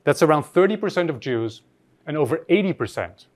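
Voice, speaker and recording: A man's voice: on the high side, animated, fairly quick. A man from Austria giving an academic lecture, reflective and posing rhetorical questions to his audience.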